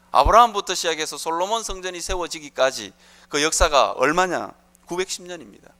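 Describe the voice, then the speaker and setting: A man's voice: a little high, pushed and bright. A middle-aged man with a Gyeongsang accent, preaching an impassioned sermon full of rhetorical questions. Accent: Gyeongsang Korean. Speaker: pastor.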